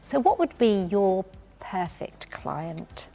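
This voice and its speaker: Easygoing female guest, calm, friendly conversational delivery. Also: medium pitch, slow, vocal fry. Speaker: wedding makeup artist. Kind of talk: casual chat.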